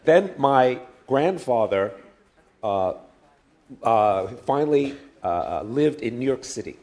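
A man's voice: medium pitch, animated, darkish tone. Man preaching in short bursts. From United States. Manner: short phrases with pauses for translation. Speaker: guest preacher. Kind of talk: sermon delivered through an interpreter.

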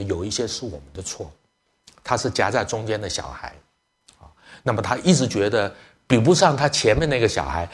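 A middle-aged man preaches as a church elder, his voice sitting fairly low. He tells family stories in a lively way, acting out both sides of conversations and slipping English phrases into his talk. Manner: lively storyteller, acts out family dialogue; drops English phrases into speech. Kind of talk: sermon storytelling to parents.

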